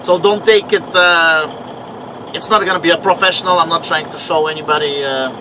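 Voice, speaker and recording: A man's voice: fairly high pitch, steady tone, moderate pace, background noise. A man in his thirties with a foreign accent, English not his first language, vlogging from his truck cab at night in a rambling, swearing, self-mocking way. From Canada. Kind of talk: casual vlog diary.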